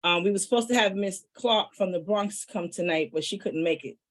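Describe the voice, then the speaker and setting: A woman's voice: medium pitch, a little fast, a bit bright, poor audio. A woman hosting an online meeting reads a prepared introduction of the guest speaker, with a few "um" fillers at the start. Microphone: video call.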